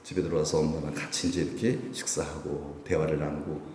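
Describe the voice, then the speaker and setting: A man in his fifties preaching a sermon at a Wednesday prayer meeting, conversational, with rhetorical questions and sudden jumps in pitch. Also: flat delivery, quick pace, mellow, a little hiss or hum. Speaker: pastor. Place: church sanctuary. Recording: echoey church hall, mic from a distance.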